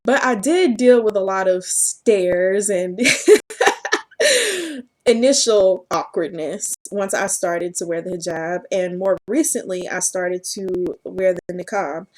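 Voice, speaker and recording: A woman telling her personal story to camera in an earnest, halting way, often laughing at herself. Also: fairly low pitch, darkish tone. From Southern United States. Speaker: vlogger.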